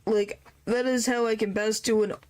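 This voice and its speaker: A woman's voice: a little high, steady tone, normal speed, background noise. A woman streamer making chatty, self-aware asides while playing a game. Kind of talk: casual gaming commentary. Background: game music.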